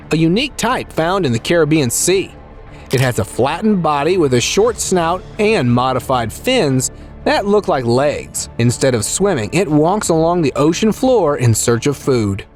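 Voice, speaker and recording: A man reading scripted nature documentary narration for a video about strange creatures, as a voice-over. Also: a little high.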